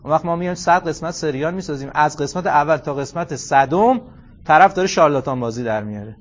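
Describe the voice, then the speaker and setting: A middle-aged man giving a religious lecture, emphatic, moving between quiet asides and loud stressed phrases. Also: fairly high pitch. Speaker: cleric lecturer. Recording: muffled lo-fi recording.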